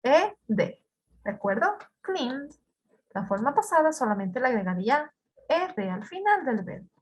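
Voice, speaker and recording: A woman's voice: sits high, sing-song, normal speed, slightly rough. A woman teaching an English grammar lesson, patiently repeating words and quizzing her students.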